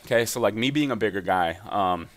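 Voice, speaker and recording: Fast-talking young man, low voice. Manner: fast, energetic and chatty. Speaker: gaming YouTuber giving fitness advice. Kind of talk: casual commentary over gameplay.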